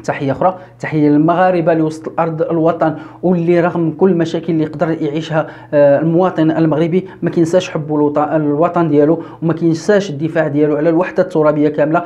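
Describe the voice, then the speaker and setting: A man with a Moroccan Arabic accent giving casual political commentary as a channel host, animated, with frequent fillers and self-corrections. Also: on the high side, rapid-fire, muffled recording. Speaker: YouTube news commentator.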